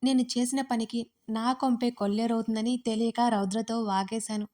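Expressive woman narrating a romance audiobook. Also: a little high, moderate pace. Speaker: storyteller.

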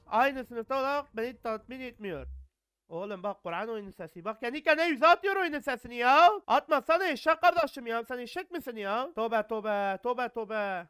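A man's voice: very high-pitched, bright, forceful tone, clear, resonant tone, dry recording, clean studio sound. Jumpy young man. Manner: jumpy, swears and mutters prayers when scared. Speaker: gaming YouTuber. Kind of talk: horror game let's play commentary.

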